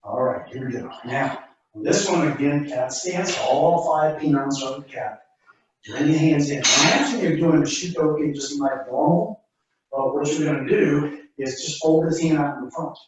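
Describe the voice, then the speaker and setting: A man's voice: on the high side, normal speed, a little hiss or hum. A man explaining karate to a class as the instructor, informal and instructive, often checking in with short questions. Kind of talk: casual spoken explanation to a class. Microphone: distant camera microphone. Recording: very echoey room, distant mic, dull sound.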